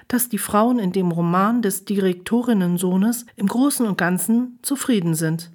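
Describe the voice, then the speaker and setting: A woman reading a novel aloud in an even, measured way. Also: mid-range voice. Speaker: audiobook reader.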